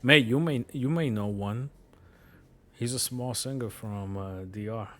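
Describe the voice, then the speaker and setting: A man's voice: mid-range voice, measured pace, a bit bright, a little hiss or hum. A man with a New York accent chatting casually while streaming a game, rambling through stories with swearing. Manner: rambling, laid-back storytelling with profanity. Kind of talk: casual chat while gaming.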